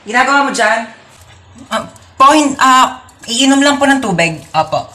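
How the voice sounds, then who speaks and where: A woman's voice: high voice, animated, normal speed, a little hiss or hum. Woman acting out family skits, echoey. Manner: switches between mother, child, and other characters. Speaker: comedy skit creator. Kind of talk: comedic skits playing every part. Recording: echoey room with loud background music. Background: loud music.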